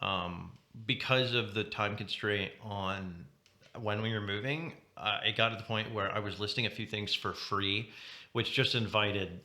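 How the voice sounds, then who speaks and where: A man's voice: fairly low pitch, a little slow, bright, forceful tone. A young man on a podcast, telling a rambling story with lots of laughs and asides. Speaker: podcast co-host. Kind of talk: casual chat. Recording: roomy echo.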